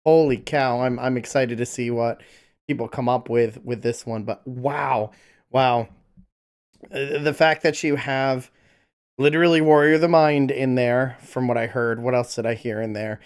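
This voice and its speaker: A man's voice: mid-range voice, steady tone, moderate pace, clear, resonant tone. A man streaming a casual reaction to music, exclamatory, often stammering and repeating himself as he talks. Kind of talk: casual excited reaction chat.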